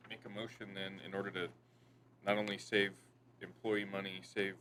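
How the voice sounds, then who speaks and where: Man, board member, very low voice, casual, faint hum. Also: little pitch movement, moderate pace, fairly bright tone, rough recording. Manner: casual, thinking aloud. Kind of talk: board meeting discussion.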